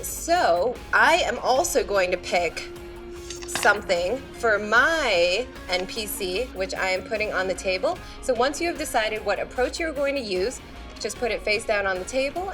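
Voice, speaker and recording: A woman narrating a tabletop game as game master, casual and full of fillers. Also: mid-range voice.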